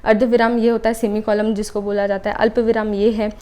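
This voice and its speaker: A young adult woman teaches an exam-prep lesson. She explains step by step, repeats her points, and often checks in with a quick "okay". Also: mid-range voice, little pitch movement, dark tone.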